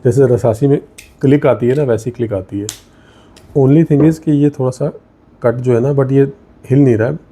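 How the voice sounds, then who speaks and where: Indian male perfume vlogger, deep mellow tone, chatty code-switching review. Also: moderate pace. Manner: mixes Hindi and English, thinks aloud while sniffing. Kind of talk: casual product review vlog.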